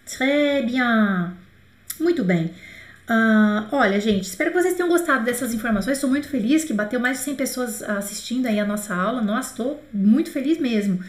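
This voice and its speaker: Leading a live online French class, a Brazilian Portuguese-accented woman keeps things chatty and lively, repeating phrases slowly for students to practice. She has a fairly high voice, and the sound is reverberant.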